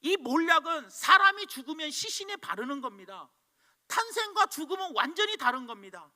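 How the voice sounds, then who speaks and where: A male pastor giving a sermon, telling stories in an animated way with big swings in pitch and loudness. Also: moderate pace.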